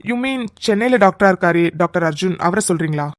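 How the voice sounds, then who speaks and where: A voice actor playing a self-assured cartoon chief doctor who talks in a brisk, dismissive way. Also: mid-range voice, lively intonation, dry recording, clean studio sound, lightly acted. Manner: brisk and dismissive, mixes English phrases. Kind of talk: cartoon voice acting.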